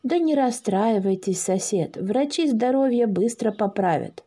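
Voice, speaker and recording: A woman voicing a kindly elderly village woman who exclaims in a high, fussy way. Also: expressive, measured pace, dark tone, husky. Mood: cheerful.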